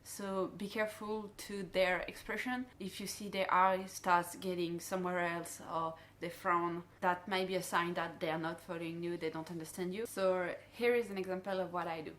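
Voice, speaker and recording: A woman's voice: on the low side, fairly even intonation, moderate pace, hardly any pauses, fairly bright tone, a little hiss or hum. French-accented woman giving a dive safety briefing. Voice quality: non-native English phrasing. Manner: explanatory safety briefing delivery, addressing divers directly. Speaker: dive guide and instructor. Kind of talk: instructional dive briefing talk.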